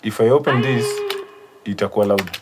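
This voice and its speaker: A music producer with a Kenyan accent gives a casual studio walkthrough, switching between English and Swahili. His voice is lowish and a little fast, over a noisy background.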